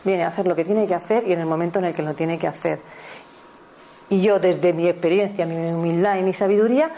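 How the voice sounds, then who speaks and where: Slight background noise sits behind a lowish, mellow female voice belonging to a Spanish teacher in her fifties from Spain. Giving a fast spiritual talk on parenting, she corrects herself often and checks in with those listening.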